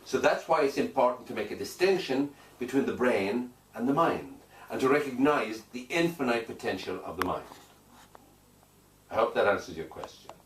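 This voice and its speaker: A man of medium pitch and lively intonation speaks at a normal speed. As a hypnotherapist fielding interview questions, he is declarative and emphatic, repeating phrases for weight, in a recording with room echo, a far-off mic, and faint noise.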